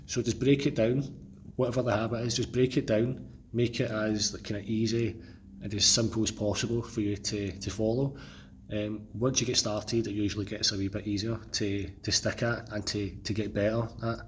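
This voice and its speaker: Unwell-sounding Scottish man, low voice. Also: flat delivery, a little hiss or hum. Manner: halting, stammering repetitions. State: feeling unwell, under the weather. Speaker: podcast host and personal trainer. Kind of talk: casual solo podcast talk.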